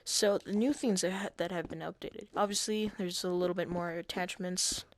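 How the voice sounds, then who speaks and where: A man's voice: high-pitched, fairly even intonation, normal speed, dry recording. A man talking through a casual screen-recorded game tutorial, hesitant and self-deprecating, with many fillers and restarts.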